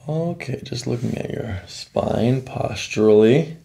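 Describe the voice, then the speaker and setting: In his chiropractic office, a middle-aged man narrates a clinical exam and consultation, posing short, clipped questions in a matter-of-fact way. His mid-range voice is unhurried, creaky and dark in tone, recorded from a distant mic with slight background noise.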